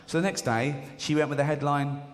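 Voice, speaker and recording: Sardonic British stand-up comic, live hall. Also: male voice, fairly high pitch, fairly even intonation, brisk. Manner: sardonic, often slipping into mocking voices. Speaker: stand-up comedian. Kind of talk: stand-up comedy routine. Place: large theatre stage. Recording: live theatre recording with long reverb and audience noise.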